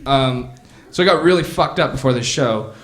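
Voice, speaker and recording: A man's voice: medium pitch, animated, normal speed, fairly bright tone. A male stand-up comedian telling profane, laid-back stories on a comedy club stage into a stage microphone. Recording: reverberant club room.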